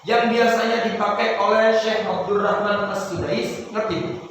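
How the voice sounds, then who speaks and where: A man with a Javanese accent teaching Quran recitation melodies, his voice tired, explaining and then chanting verses slowly. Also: high voice, level tone, fairly bright tone. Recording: echoey hall, distant mic, noisy.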